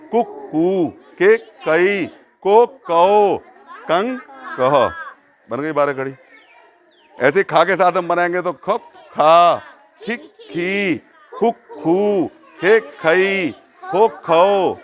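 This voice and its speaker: A man teaching a class, with a voice that sits a little above the usual male pitch. He stops often to quiz the students and chants syllables one after another for them to follow. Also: fairly bright tone, clean tone. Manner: asks the class questions and drills syllables aloud. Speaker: Hindi teacher. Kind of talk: classroom lesson.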